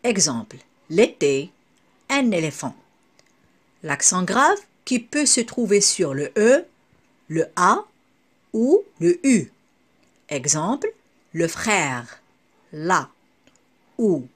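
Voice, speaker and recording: Woman, teacher, slow deliberate pace, lively rising and falling pitch, spells out syllables, fairly low voice. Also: slightly rough. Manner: spells out syllables one by one, with occasional self-corrections. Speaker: French teacher. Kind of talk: slow classroom explanation.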